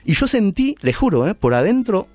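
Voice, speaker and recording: Middle-aged Argentine male storyteller, bright-ish, dry close mic, faint music under. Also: sits high, moderate pace, no echo. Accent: Argentine Spanish. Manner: animated, playful, conversational. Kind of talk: storytelling monologue.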